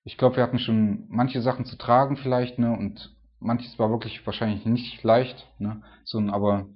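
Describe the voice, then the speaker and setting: A man with a husky voice delivers a casual sermon, reading scripture and then talking it through loosely with fillers and tag questions. The recording sounds dull and lo-fi. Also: medium pitch, steady tone, normal speed. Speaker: preacher. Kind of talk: conversational sermon with Bible reading.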